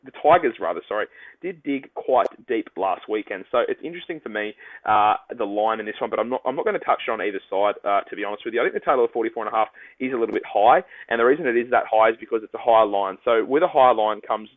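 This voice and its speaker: A young man rattles off his tips at a rapid clip, much like an auctioneer. His voice sits a little low, and it comes through a dry, narrow, phone-like line. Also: lively intonation, dry recording. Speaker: podcast host, sports tipster. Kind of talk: solo betting podcast talk.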